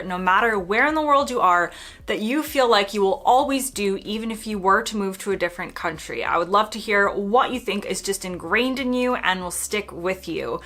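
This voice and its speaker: Talking to her camera, a young Florida woman from the United States vlogs in a chatty, upbeat style packed with fillers. She has a fairly high voice that comes across pushed and bright.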